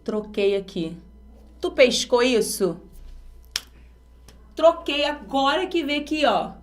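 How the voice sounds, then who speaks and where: A woman's voice: high voice, expressive, slow. A woman from Brazil teaching an exam-prep grammar lesson, explaining step by step and asking her students rhetorical questions.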